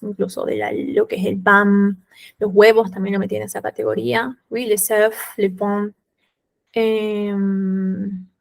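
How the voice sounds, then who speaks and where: With a gravelly, medium-pitched voice, a woman teaches French in an online class. She takes her time, patiently repeating each vocabulary word in French and then explaining it in Spanish.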